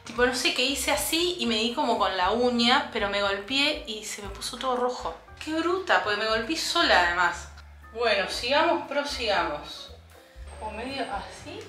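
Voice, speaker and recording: A young woman with an Argentine accent, chatting casually as she cuts her own hair at home, a bit hoarse from a cough, self-mocking and thinking aloud. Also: fairly high pitch, animated, moderate pace, sharp tone, reverberant, soft background music. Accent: Argentine Spanish. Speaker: beauty vlogger. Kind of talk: casual vlog chat. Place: home bathroom.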